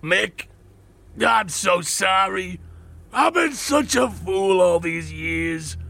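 An actor voicing a big dopey lovestruck lug who bellows slowly in a comedy audio drama. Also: male voice, high voice, animated, creaky, bright, forceful tone, dry recording, heavily acted. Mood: pleading.

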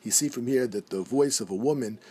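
Fast-talking husky man teaching halacha. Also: mid-range voice, warm tone. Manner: reads Hebrew and Aramaic quotes, then explains in English. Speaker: Torah teacher. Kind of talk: halacha class, reading and translating texts.

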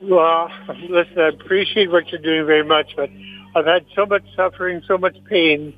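A man's voice: on the high side, steady tone, moderate pace, faint music behind. A man in his eighties on a phone call, guarded and reluctant, keeping his answers short. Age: 80s. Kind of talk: phone conversation. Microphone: telephone. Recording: tinny dry phone line.

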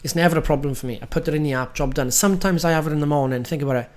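A man's voice: on the high side, very fast, a little mellow. A man, teaching a coaching lesson on food in a direct, emphatic way and often checking with "right?". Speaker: nutrition coach.

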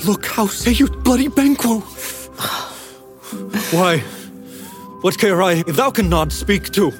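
A man's voice: high voice, lively intonation, takes it slowly, faint music behind. An actor playing a guilty, haunted king at a feast, declaiming in a Shakespearean stage style with agitated outbursts. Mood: frantic.

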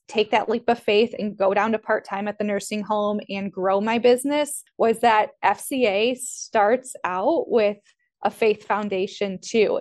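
A young woman speaks in a faith-centered interview, earnest and reflective. Her voice sits in a middle register as she recounts her story with quiet conviction. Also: mid-range voice. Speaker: coaching student, nutrition business owner. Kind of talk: faith-based interview conversation.

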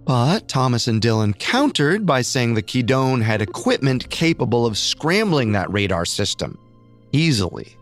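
A man co-hosting a podcast, reading scripted true-crime narration with measured storytelling delivery. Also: mid-range voice, big pitch swings, soft background music. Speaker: podcast co-host.

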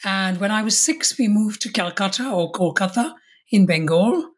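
A woman's voice: mid-range voice, lively intonation, normal speed, breathy edge. A woman, a podcast guest in a conversational interview, speaking reflectively with restarts and self-corrections. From India.

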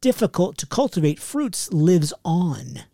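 Male co-host, animated pitch movement, offhand irreverent banter, very dry recording. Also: measured pace, gravelly, no room sound. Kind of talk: casual chat.

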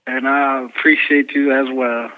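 A man speaking over the phone as an interview guest, giving soft-spoken, thoughtful, halting answers. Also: mid-range voice, level tone. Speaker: interview guest, brewery crew chief. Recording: tinny phone line.

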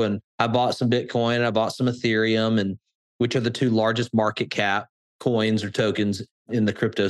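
A middle-aged man with an Alabama Southern accent, telling his story conversationally as an interview guest. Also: medium pitch. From Birmingham, Alabama. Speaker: podcast guest, entrepreneur and crypto investor.

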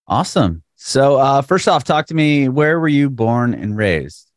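A man's voice: medium pitch, very animated, measured pace, no echo, studio quality. A man hosting a podcast interview over a video call, with an easygoing manner and frequent laughter. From San Diego, USA. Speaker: podcast host. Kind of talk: casual interview chat. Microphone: video call mic.

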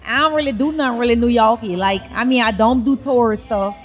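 A chatty woman from New Orleans talks in a loose, rambling way, full of casual slang. Her voice sits a little on the higher side. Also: brisk, soft background music. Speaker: guest. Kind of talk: casual chat.

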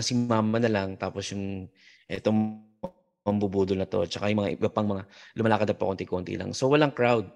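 A man, a podcast guest, telling a story in casual talk, halting and full of fillers and restarts. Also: fairly low pitch.

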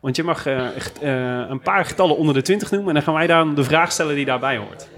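A man's voice: fairly high pitch, quick pace, a bit bright. A man hosting a casual interview podcast, feeling his way into questions with repeated phrase openings.

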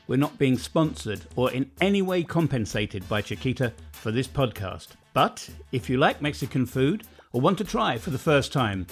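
A man's voice: mid-range voice, husky. A man hosting a podcast, talking in a chatty, joking way while he tastes food. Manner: chatty, jokey. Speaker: podcast host. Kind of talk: casual podcast chat.

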